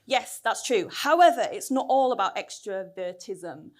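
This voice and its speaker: A woman's voice: mid-range voice, lively intonation, normal speed. A woman speaking at a conference, losing her voice, chatty and asking the audience questions. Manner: chatty, asks the crowd questions. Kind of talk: lively lightning talk to an audience. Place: cinema venue stage.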